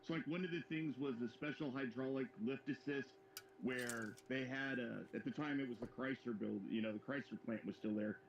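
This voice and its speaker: A man's voice: medium pitch, fairly quick. A man co-hosting a live hobby show, telling a long, rambling anecdote with many restarts. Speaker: co-host of a live modeling show. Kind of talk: casual chat, storytelling. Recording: roomy, dull sound with faint background noise.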